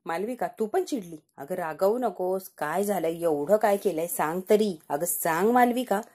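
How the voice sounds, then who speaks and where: A man's voice: sits high, animated, normal speed, a little mellow, slightly rough. A woman voicing a flustered, embarrassed adult man from a TV serial who keeps pleading to be told what happened. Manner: pleading, insistent questions.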